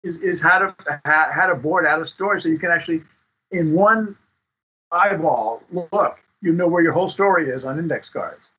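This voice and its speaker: A man giving advice as a script consultant guest in a casual interview, speaking haltingly and often repeating words. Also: a little high, sharp tone, husky. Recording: dull lo-fi audio.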